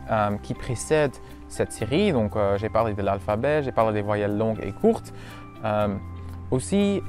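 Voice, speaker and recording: A male language teacher speaking slowly and patiently. He repeats each word carefully to model its sound, with frequent fillers and small check-in tags. His voice sits in a mid pitch. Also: a little mellow. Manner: slow, patient, with many fillers and checks like "hein?" and "ok?". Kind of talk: online language lesson.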